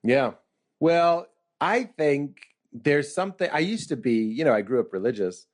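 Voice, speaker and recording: Animated, self-mocking male comedian. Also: a little high, a little slow. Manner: animated, self-mocking, acts out quoted voices. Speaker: comedian as therapy patient. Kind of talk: comic storytelling in a mock therapy session.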